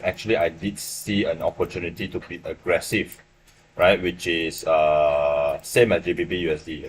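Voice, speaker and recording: A young Malaysian man with a low voice and a Malaysian English accent casually talks viewers through his forex trades on a live stream, often checking in with "right?". He's in a small indoor room with slight background noise.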